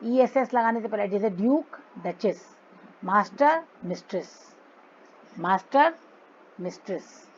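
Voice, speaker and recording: A woman's voice: medium pitch, expressive, measured pace, muffled recording, a little hiss or hum. A woman teacher explaining grammar to schoolchildren, mixing Hindi and English and repeating words for them to memorize.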